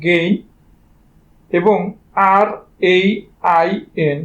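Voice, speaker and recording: A man's voice: sits high, measured pace, dull audio. A man with a Bangladeshi Bengali accent teaching English pronunciation, spelling each word out letter by letter and speaking informally to his students. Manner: spells words letter by letter before saying them; addresses students directly and informally. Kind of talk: spelling-based pronunciation lesson.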